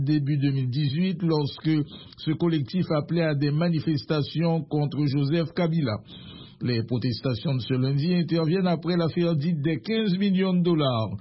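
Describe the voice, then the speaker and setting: A man anchoring a radio news bulletin, reading in a measured, formal way. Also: on the high side. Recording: muffled radio broadcast.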